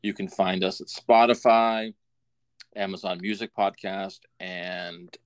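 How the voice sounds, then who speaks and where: A man co-hosting a podcast in casual chat, talking in a rambling, halting way with frequent restarts. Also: sits low, steady tone, clear, resonant tone, no room sound. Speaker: podcast co-host.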